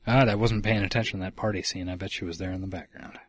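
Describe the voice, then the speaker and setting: Recorded with no room sound, a low-voiced man co-hosts a podcast and chats casually through a movie commentary. He is animated and talkative, with quick reactions.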